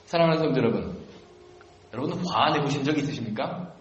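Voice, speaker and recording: A man's voice: mid-range voice, expressive, fairly quick. A male pastor preaching a sermon, telling a self-deprecating story in a conversational way. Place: church sanctuary. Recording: echoey church room, dull lo-fi sound.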